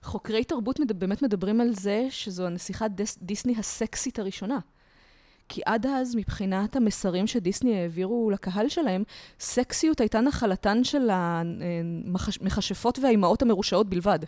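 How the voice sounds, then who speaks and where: A woman talking as a guest lecturer in a podcast interview, explaining in a lively, talkative way from memory. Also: medium pitch, no echo. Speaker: guest lecturer on culture history.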